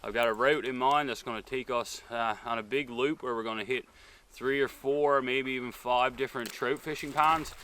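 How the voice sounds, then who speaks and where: A man's voice: medium pitch, normal speed. A man, talking casually to camera while out of breath on a wilderness hike, with lots of fillers. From Newfoundland. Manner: relaxed, chatty, with frequent fillers. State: out of breath from hiking. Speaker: outdoor vlogger. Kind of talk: casual vlog talk to camera. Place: outdoors in windy wilderness. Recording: outdoor recording with clear wind and ambient noise.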